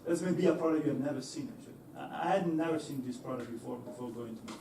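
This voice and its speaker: Fast and medium-pitched with vocal fry, a young male engineer gives a talk in a lecture hall. He's hesitant, laughs easily, and keeps filling and restarting his sentences. The hall echoes, he sounds distant, and the background is noisy.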